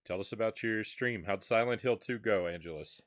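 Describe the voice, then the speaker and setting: A man with a deep, low voice hosts a live stream in a relaxed, chatty way. He talks with his audience between bites, letting out sighs as the heat builds. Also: moderate pace. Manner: chatty, sighs and reacts while eating spicy seeds. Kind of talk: casual live-stream chat.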